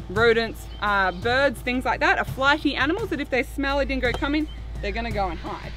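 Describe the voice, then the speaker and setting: Casting: Australian woman as a friendly zookeeper presenter, higher voice, very animated delivery, music underneath. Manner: friendly zookeeper presenter explaining simply, chuckles often. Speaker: zookeeper, dingo keeper presenting. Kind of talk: educational keeper talk to camera.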